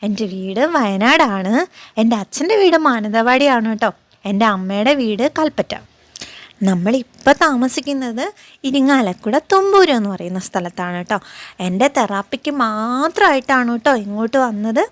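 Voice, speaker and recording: A woman's voice: on the high side, lively intonation, moderate pace, no room sound, lightly acted. A woman from Kerala speaking as a cheerful little boy who tells his own story in a chatty, coaxing vlog narration. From Kerala, India. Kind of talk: first-person vlog narration as her child.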